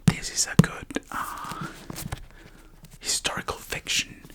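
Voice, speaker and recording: In this whispered role-play, the ASMR artist takes on a librarian's part, keeping to a hushed, library-style whisper while giving soft-spoken, halting explanations with self-corrections.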